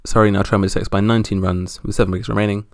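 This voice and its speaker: Male podcast host, low gravelly voice, wry and halting, casual sports roundup, close dry sound. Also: flat delivery, no room sound.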